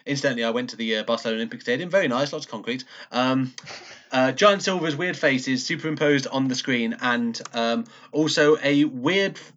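A man with a dry, wry sense of humor chats on a podcast, peppering his talk with ums and uhs. His voice is of middling pitch. The sound is muffled and lo-fi. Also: a little fast, a bit bright. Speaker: podcast host. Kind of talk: casual chat reviewing a fight. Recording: dull lo-fi podcast audio.

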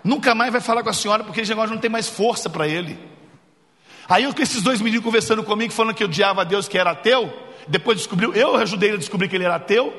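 High, fast-talking pastor in a reverberant church. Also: male voice. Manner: jokey, animated, acts out dialogue. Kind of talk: humorous sermon storytelling. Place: church sanctuary.

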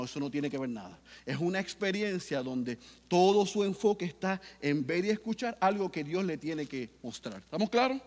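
A man preaching a sermon, swinging from hushed talk to loud bursts and acting out quotes. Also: on the high side, in a large hall. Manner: acts out Peter's voice in quotes. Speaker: pastor.

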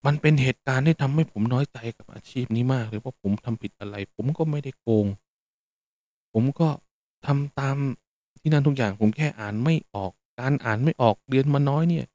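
A man's voice: mid-range voice, brisk, a little mellow, no room sound, voice pushed up, natural voice. A man doing a grumbling old taxi driver. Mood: aggrieved. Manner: complaining, self-pitying rambling. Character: aggrieved older male taxi driver in his sixties.

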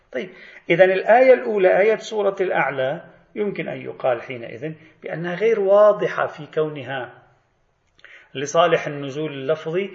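A man giving a religious studies lecture, explaining each point in a measured way and slowing down to quote and stress key lines. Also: a little high, gravelly. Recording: dull lo-fi lecture recording.

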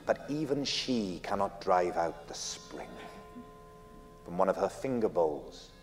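A man narrating a radio play in a lyrical, measured way. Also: low voice, lively intonation. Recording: long hall reverb with faint music.

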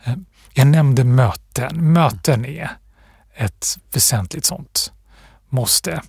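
Guest author, male, breathy voice, thoughtful and unhurried, dry close sound. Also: medium pitch, darkish tone, no echo. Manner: thoughtful, pausing, with restarts and fillers. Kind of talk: reflective interview talk.

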